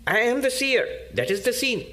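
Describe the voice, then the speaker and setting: A man giving a spiritual discourse as a monk, teaching slowly and emphatically with pauses and repetition. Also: very high voice, big pitch swings, sharp tone.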